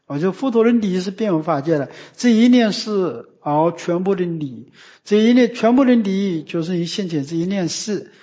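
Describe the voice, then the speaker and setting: A high-voiced man gives a Buddhist dharma talk, teaching didactically and emphatically and ending points with short tag questions. He is expressive and mellow at a moderate pace, but the recording is muffled and lo-fi.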